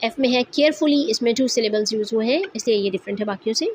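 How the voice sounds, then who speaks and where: A woman teacher with a slightly high voice works methodically through a workbook exercise. She reads each English instruction slowly and carefully, then explains it briskly. A faint hum of noise sits behind her. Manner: methodical, lists answers one by one.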